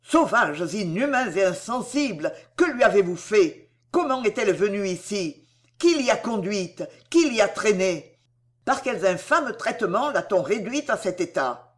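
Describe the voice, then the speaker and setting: Woman voicing a despairing young gentleman, storybook reading, impassioned pleas, lively swinging pitch. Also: unhurried, lightly acted. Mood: enraged. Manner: impassioned, pleading outbursts. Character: anguished young gentleman, passionate and remorseful.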